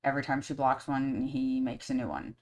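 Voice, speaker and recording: A woman's voice: extremely low pitch, fairly even intonation, brisk, darkish tone. A woman hosting a podcast live stream in casual chat, candid and blunt, swearing freely and rambling with many fillers. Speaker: podcast host.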